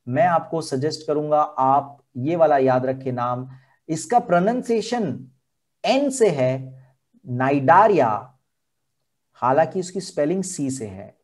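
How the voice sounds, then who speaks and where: A man with an Indian accent teaching a board exam science lesson, slowly repeating key terms and their spellings. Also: a little high, a little mellow.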